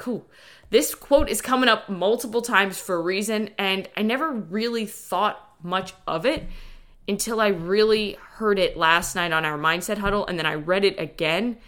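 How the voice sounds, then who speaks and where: A woman's voice: medium pitch, fairly bright tone. A woman hosting a podcast as a coach, talking casually and motivationally to listeners in informal, lightly sweary language. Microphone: dedicated podcast microphone.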